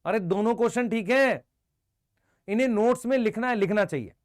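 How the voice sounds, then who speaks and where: A man teaching a biology lesson, briskly quizzing his students and answering for them, mixing Hindi with English terms. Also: high voice, no echo, studio quality. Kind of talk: live online exam-prep lecture.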